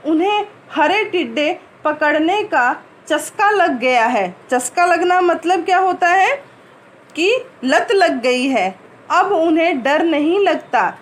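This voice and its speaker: A woman's voice: very high voice, slight background noise. A woman teacher reads a children's story aloud, stopping often to ask and explain what words mean. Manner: pauses to ask and answer word meanings.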